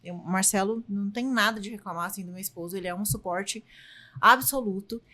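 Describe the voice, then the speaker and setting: A woman's voice: mid-range voice, a little fast. A woman in her thirties with a Brazilian Portuguese accent, a photographer telling personal stories as a panel guest. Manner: warm personal storytelling with frequent "né". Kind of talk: casual panel discussion.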